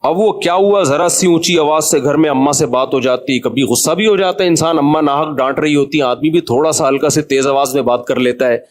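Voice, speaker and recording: A man's voice: on the high side, few pauses. A man from Pakistan giving a humorous, conversational religious talk as a cleric. He jokes and speaks straight to his listeners. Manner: chatty and joking, addresses listeners directly.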